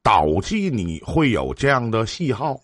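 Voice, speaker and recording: A man's voice: mid-range voice, very animated, measured pace, no room sound. A man in his forties hosting a live advice call-in, chatting casually in a joking, teasing way. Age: 40s. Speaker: live-stream advice host.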